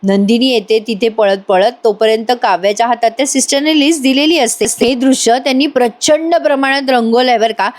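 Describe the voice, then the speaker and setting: A woman gives a chatty voice-over recap of a TV serial episode and speaks straight to her viewers. She exclaims often. Her voice sits fairly high. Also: brisk, hardly any pauses. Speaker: TV serial reviewer.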